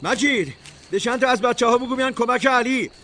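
A firm frontline commander. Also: male voice, extremely high pitch, sharp tone. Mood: urgent. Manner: commanding, urgent. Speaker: military commander. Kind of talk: war drama acting.

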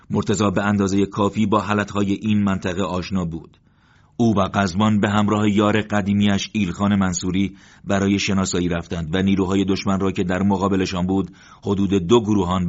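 Low-voiced man reading a story. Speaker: audiobook narrator. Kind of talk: scripted narration. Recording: dull lo-fi recording.

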